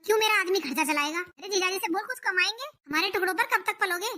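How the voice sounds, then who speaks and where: A woman's voice: very high voice, fast talker, bright, forceful tone. A woman playing a rude, combative young daughter-in-law in a family drama skit. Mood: defiant.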